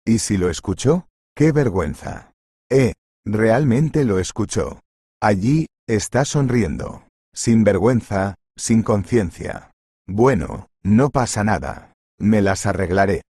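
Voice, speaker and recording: A man's voice: on the low side, lively intonation, slow, a little mellow, husky, no room sound, clean studio sound, full character voice. A man voicing a petty, spiteful male restaurant manager who talks in a sneering tone in a storybook reading. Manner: sneering, mocking.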